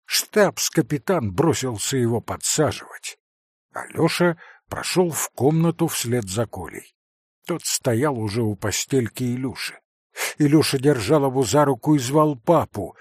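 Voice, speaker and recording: A man narrates a classic novel slowly and expressively, his husky voice rising and falling widely. The recording is dry and close, with no room sound. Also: mid-range voice, dry recording. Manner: dramatic, expressive reading. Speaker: audiobook narrator.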